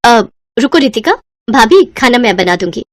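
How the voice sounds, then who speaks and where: A woman voicing a kind, sensible young bride in a cartoon story, speaking gently and caringly. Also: a little high, big pitch swings, normal speed, no room sound. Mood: gentle.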